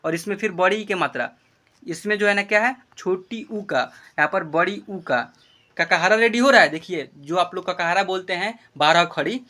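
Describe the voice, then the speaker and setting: A man teaching Hindi script in a classroom lesson, drawing out syllables in a slow chant and checking that the children follow. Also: sits high, bright, forceful tone. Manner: instructive, checks understanding with the class.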